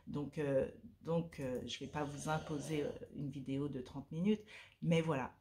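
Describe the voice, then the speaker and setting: A woman's voice: sits low, moderate pace, background noise. A woman from French Guiana, a sophrologist, talking casually to camera at home with many hesitations and repeated words. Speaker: vlogger and sophrologist. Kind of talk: casual vlog talk to camera. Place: at home, a dog snoring nearby.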